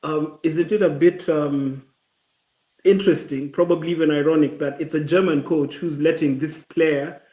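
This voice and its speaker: A man co-hosting a casual football chat, talking in a hesitant, considered way with many pauses and restarts. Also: a little high, steady tone, mellow, reverberant.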